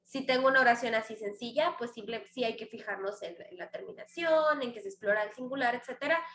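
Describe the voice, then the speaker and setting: A woman teaches a grammar lesson in a bright, fairly high voice. She walks through each example patiently and answers her own questions. The room echoes around her. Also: fast. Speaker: English teacher. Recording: echoey room, faint background noise.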